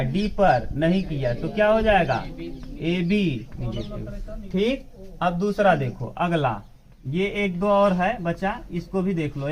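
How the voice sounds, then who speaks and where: A male teacher giving a step-by-step lesson, often asking a question and answering it himself. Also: high-pitched. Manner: asks and answers his own questions.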